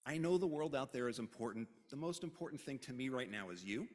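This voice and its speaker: A man's voice: mid-range voice, expressive, fast, a little mellow. Joking man in a reverberant hall. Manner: joking, informal asides. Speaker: service leader. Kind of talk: conversational announcements at a religious service. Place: congregation's worship hall.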